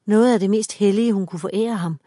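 Woman with a dark, mellow voice reading a dark story. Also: mid-range voice, dry recording, clean studio sound. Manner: measured, dramatic reading. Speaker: audiobook narrator. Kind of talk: scripted audiobook narration.

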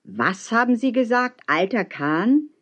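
A woman voicing a stubborn, loud old bargeman who talks in a blunt, grumbling way. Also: a little high, very animated, unhurried, breathy edge, pitched above the performer's own voice, exaggerated voice. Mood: gruff.

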